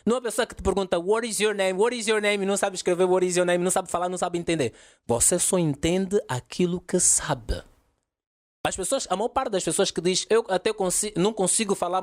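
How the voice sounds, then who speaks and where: Emphatic male English teacher. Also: high-pitched. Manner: emphatic, explanatory, drops in English example phrases. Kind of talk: podcast interview.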